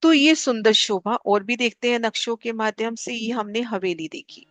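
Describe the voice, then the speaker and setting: A woman teaching a spiritual class, calmly guiding listeners through maps and repeating key figures so they stick. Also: a little high, moderate pace, no echo, soft background music. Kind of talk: devotional lesson explaining maps.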